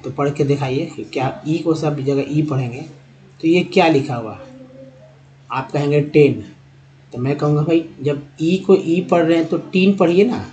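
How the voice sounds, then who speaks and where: Male phonics teacher, slightly high voice, patient question-and-answer delivery in Hindi. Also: dark tone. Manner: explains slowly, asks questions and answers them himself; drags out words and syllables when sounding them out. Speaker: English teacher. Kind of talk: Hindi-medium phonics lesson.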